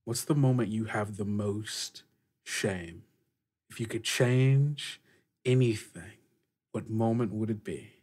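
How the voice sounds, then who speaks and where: In a lowish, slightly mellow voice, a man acts as game master for an improvised tabletop game, narrating haltingly as he searches for words.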